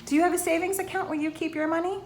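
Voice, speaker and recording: A very high-pitched woman reads a rhyming children's storybook aloud with expression, stopping to ask the young listeners questions and add asides. The recording has a roomy echo and faint background noise.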